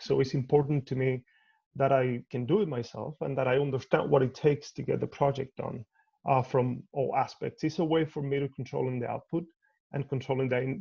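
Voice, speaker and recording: Husky, gravelly man from Cuba. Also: mid-range voice, dark tone, lo-fi sound. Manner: measured, thoughtful, with frequent restarts. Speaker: artist. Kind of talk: interview over video call. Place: home. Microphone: video call.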